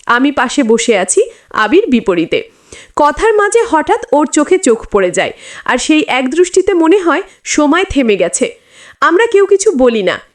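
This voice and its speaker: A woman narrating a romantic story in the first person, with a dreamy, confiding manner. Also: sits high.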